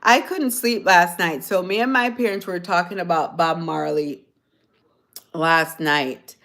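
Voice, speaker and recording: Woman, livestream host, lowish voice, slow rambling chat, sounds tired. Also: a bit bright. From Jamaica. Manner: chatty, rambling, repeats herself. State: tired from a late night. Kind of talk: casual chat with viewers.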